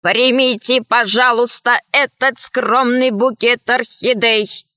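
A woman's voice: fairly high pitch, steady tone, slow pace, pushed and bright, no echo, clean studio sound. A woman voicing a polite male robot messenger who speaks formally and courteously.

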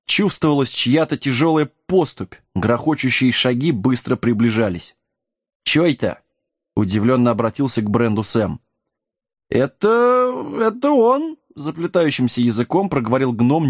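A man's voice: medium pitch, normal speed, hardly any pauses, darkish tone, husky, no room sound. A man narrating a comic fairy tale aloud with a wry, playful manner. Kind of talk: storybook reading. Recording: dry close sound.

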